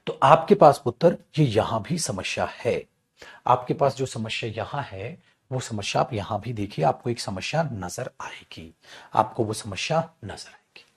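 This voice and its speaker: A man teaching English grammar in an online class. He teases and coaxes his students, calls them "beta" and "chhutku", acts out their questions and drags key phrases out slowly for emphasis. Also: medium pitch. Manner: lively, teasing, addresses students as beta and chhutku.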